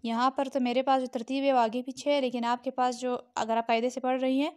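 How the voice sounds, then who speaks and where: A woman's voice: sits high, level tone, fast talker, a little mellow, clean tone. A woman teaching a lesson on Arabic letter sounds, patiently sounding out and repeating each letter. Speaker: Quran recitation teacher.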